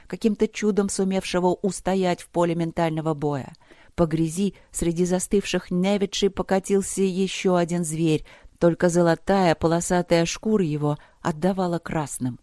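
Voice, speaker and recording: An audiobook narrator reading a dark fantasy battle in a measured, dramatic storytelling manner, close to the mic. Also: mid-range voice, no echo. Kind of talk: scripted narration.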